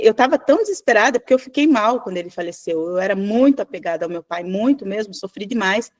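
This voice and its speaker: A middle-aged woman, teaching an informal online class in a chatty, animated way, with asides to the class. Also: medium pitch. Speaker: spiritual teacher.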